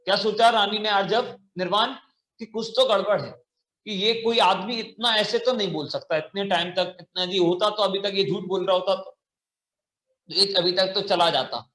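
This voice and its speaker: High-voiced man telling a children's story. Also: moderate pace, a bit bright, reverberant. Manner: asks children questions, acts out lines. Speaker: children's class teacher. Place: online children's class.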